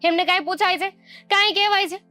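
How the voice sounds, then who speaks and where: A woman acting out a put-upon young daughter-in-law in a family drama, answering back with quiet sarcasm. Her voice is high, recorded dry and close, with faint music underneath. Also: fairly quick, no room sound. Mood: frustrated.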